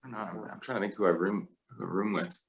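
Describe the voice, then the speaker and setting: A man's voice: deep voice, quick pace. A man in his twenties, a rugby player chatting easily as a guest with lots of fillers. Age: 20s. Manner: easygoing, rambling with frequent fillers. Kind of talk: casual interview chat.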